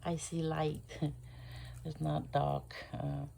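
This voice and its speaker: A woman who has just woken up, talking through a rambling, hesitant morning vlog from her living room couch, with lots of fillers and soft chuckles. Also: low-pitched, level tone, takes it slowly, vocal fry, low-quality recording. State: groggy, just woke up. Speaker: vlogger.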